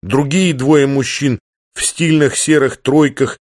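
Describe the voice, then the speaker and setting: A man reading a story aloud in a steady, plain narrating voice. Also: mid-range voice, slow pace, no echo, studio quality. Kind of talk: audiobook narration.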